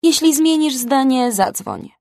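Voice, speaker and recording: A woman voicing an insistent male club customer who pleads softly and keeps pushing. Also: high voice, animated, unhurried, creaky, dry recording, clean studio sound, pitched above the performer's own voice, full character voice. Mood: pleading. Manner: soft, persistent pleading.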